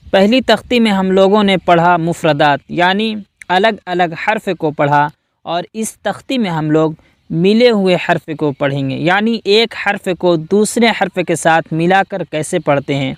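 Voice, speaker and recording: A Quran reading teacher guides learners step by step, spelling out each letter slowly so they can repeat after him. His voice is high and smooth, and the recording is close and dry with no echo or room sound.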